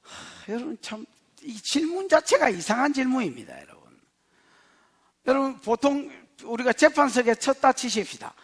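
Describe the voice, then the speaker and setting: A man's voice: extremely high pitch, fairly bright tone. A man preaching an expository sermon as pastor, quizzing the congregation and acting out little dialogues. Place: church sanctuary.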